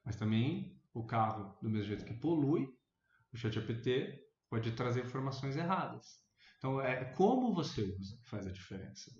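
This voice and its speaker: A man with a Brazilian accent making his points in a casual debate, thinking aloud with restarts and sudden animated rises in pitch. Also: normal speed. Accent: Brazilian Portuguese. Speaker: debate panelist. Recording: echoey room, dull lo-fi sound.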